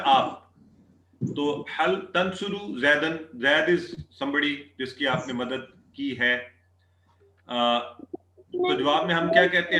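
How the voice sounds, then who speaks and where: A man with a bright, fairly high voice teaches an online class. He drills phrases slowly and keeps asking whether everyone has got the point. His voice rings in an echoey room. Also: slight background noise. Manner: repeats Arabic phrases slowly, checks understanding often. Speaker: Arabic teacher.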